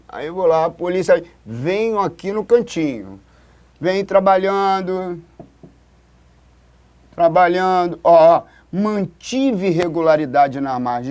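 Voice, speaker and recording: High-voiced man teaching at a board. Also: a little mellow. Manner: demonstrative, keeps pointing with "look". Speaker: writing teacher. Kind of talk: classroom-style lesson at a board.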